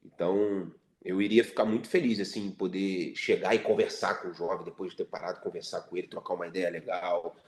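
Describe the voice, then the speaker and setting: A man in his late thirties with a Brazilian Portuguese accent, a guest in a podcast interview, talking in a relaxed and reflective way with repeated fillers. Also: low voice, brisk, hardly any pauses. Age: 30s. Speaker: futsal player guest.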